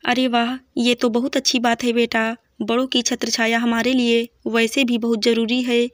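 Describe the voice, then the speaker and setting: A woman's voice: on the high side, level tone, normal speed, no echo, studio quality, close to an everyday voice. A woman voicing a protective middle-aged mother in a storybook reading, motherly and plain-spoken.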